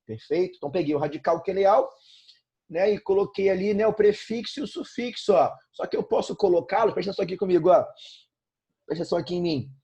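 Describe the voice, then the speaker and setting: Man, Brazilian accent, teacher, husky voice, informal online lesson, lots of tag questions. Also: sits high, fast, warm tone, muffled recording. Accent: Brazilian Portuguese. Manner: informal, repeats himself, frequent tag questions.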